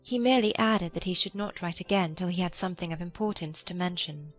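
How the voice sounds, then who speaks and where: A woman playing a gentle, hopeful young Regency sister in a dramatized audiobook, soft-spoken, composed and formal. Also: on the low side, brisk, soft background music, lightly acted. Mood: composed, subdued.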